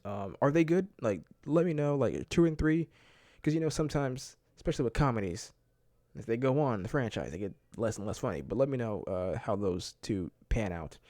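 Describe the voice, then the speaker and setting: Excited rambling man reviewing a movie. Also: medium pitch, fairly quick, no echo, clean studio sound. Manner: enthusiastic, loose and rambling, laughs often; filler-heavy, keeps saying "like" and "man". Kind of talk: casual movie review vlog.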